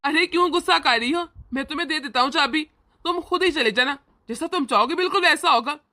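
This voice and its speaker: A doting older brother reassures and indulges his sister, played by a woman. The voice is high and bright. It is a homemade family drama. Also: fast talker. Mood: indulgent.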